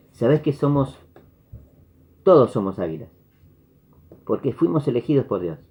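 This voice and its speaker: A man's voice: medium pitch, a little slow. A man with a Rioplatense Spanish accent, preaching and telling a parable while acting out the characters' lines. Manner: animated storyteller, acts out characters' lines. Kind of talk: sermon parable storytelling. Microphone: video call. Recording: dull lo-fi video call audio.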